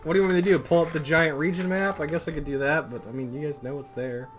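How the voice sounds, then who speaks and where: A man's voice: on the high side, fairly even intonation, quick pace, soft background music. A man running a tabletop role-playing game as game master, narrating in a casual, joking way. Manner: casual, laid-back joking.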